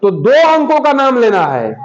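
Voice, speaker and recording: A man's voice: extremely high pitch, huge pitch swings, moderate pace. A male primary school teacher leading a math lesson in class, asking the children questions again and again. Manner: repetitive call-and-response questioning. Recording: dull lo-fi classroom recording with children.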